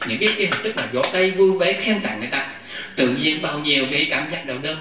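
A man giving a Buddhist dharma talk to a gathering, animated, often laughing and acting out what people say. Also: a little high, fast, noisy background. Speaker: Buddhist lay teacher. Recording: echoey hall, mic far off.

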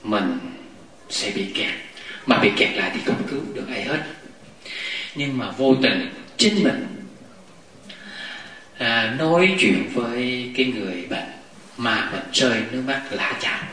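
A man giving a Buddhist dharma talk to a gathering, animated, often laughing and acting out what people say. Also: medium pitch, a little slow. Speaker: Buddhist lay teacher. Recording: echoey hall, mic far off.

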